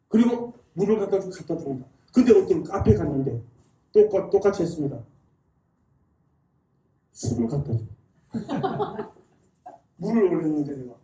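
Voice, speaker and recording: A man with a high, mellow voice gives a public lecture in a church, folksy and chuckling as he goes. He keeps pulling the audience into call-and-response drills. The sound is roomy and echoey, picked up from some distance. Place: church hall. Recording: echoey hall, mic at a distance.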